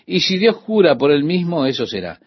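A man's voice: fairly high pitch, very animated, moderate pace, breathy edge, highs cut off. A man giving an earnest radio Bible teaching, speaking straight to the listener. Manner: earnest, addresses the listener directly.

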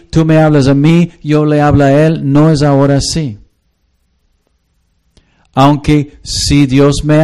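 A man preaching a sermon in an unhurried, measured delivery. His voice is mellow and warm. He reads scripture aloud and now and then acts out everyday voices. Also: fairly high pitch, clear, resonant tone. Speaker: pastor. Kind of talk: sermon with Bible reading.

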